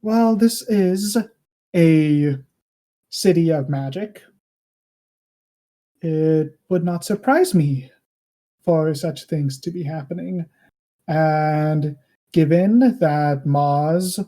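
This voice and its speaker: A woman voicing a stern, suspicious male king who speaks in a slow, measured, accusing way in a tabletop game. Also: low voice, mellow. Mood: dismissive.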